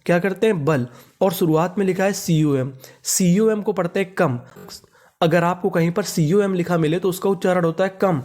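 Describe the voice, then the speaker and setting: Guy teaching english words, spells them out, keeps asking what do we read, kinda high voice. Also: normal speed, a little mellow. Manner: repeats each word and asks "what do we read?".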